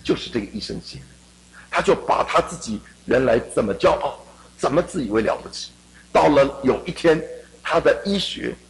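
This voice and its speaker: A middle-aged man preaching a sermon, telling a personal story and swinging between hushed passages and emphatic ones. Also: fairly high pitch, lively intonation, normal speed, creaky, low-quality recording.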